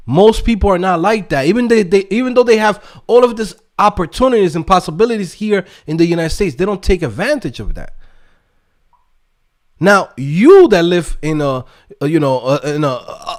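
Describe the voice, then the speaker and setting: His voice is high and his pitch moves all over the place as this Dominican YouTube host and developer coach rants casually to motivate his viewers. Emphatic and streetwise, he peppers his speech with slang and keeps checking in through short tag questions.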